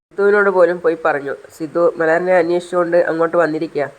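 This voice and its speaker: A man narrates a domestic drama in an easygoing spoken manner. His voice sits a little high, and he speaks the characters' lines himself in much the same voice. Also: quick pace, rough recording. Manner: retells a family drama, voicing all characters himself with little change of voice. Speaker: storyteller. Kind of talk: casual spoken story narration.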